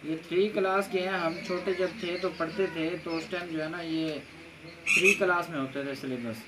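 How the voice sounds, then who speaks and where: A man's voice: fairly high pitch, fairly even intonation, moderate pace. A man in his thirties from Pakistan, chatting casually with his kids as a family vlogger outdoors. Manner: chatty, teasing questions to the kids. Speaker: vlogger, father. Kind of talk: casual family vlog chat. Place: outdoor village courtyard. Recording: outdoor courtyard with clear noise.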